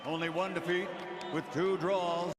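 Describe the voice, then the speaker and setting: Booming high-pitched ring announcer man. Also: little pitch movement. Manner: drawn-out, shouted, bilingual calls. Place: boxing arena. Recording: loud arena crowd, heavy noise.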